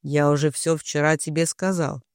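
A reader voicing a domineering young husband in a storybook reading, speaking gruffly and commandingly. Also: mid-range voice, level tone, moderate pace, no room sound, studio quality, lightly acted.

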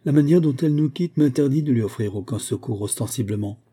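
A stern, despotic headmistress speaks curtly and coldly, voiced by a man. The tone is very dark and husky. She is a storybook autocrat used to command. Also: mid-range voice, quick pace, close to an everyday voice. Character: stern despotic woman school director.

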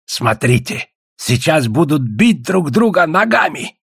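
A man reading the part of a sly, tipsy one-eyed old hunter in a slow, drawling voice. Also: a little high, big pitch swings, creaky, a bit bright, breathy edge, dry recording, clean studio sound, voice pushed up, heavily acted.

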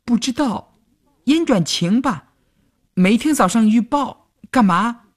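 A man voicing a playful teenage girl soldier who is quick to cry, in a high, childish, petulant voice. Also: expressive, exaggerated voice. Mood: puzzled.

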